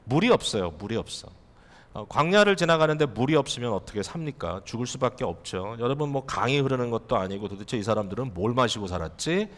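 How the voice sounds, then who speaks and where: A man's voice: mid-range voice, animated, quick pace, a bit bright. A male pastor preaching a sermon in a conversational way, asking the congregation rhetorical questions. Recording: long hall reverb.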